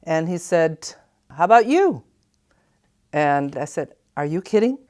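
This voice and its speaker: A woman's voice: sits low, very animated, measured pace, darkish tone. An older woman from San Francisco, a retired police officer, telling her story in a documentary interview and acting out the dialogue. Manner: storytelling, acts out quoted dialogue.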